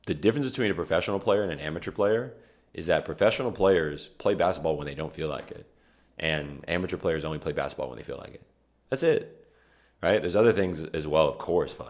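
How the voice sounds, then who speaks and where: A young man hosting a streamed show, talking in loose, rambling slang and often stopping to correct himself. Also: rumbling low. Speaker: podcast host. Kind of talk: casual chat.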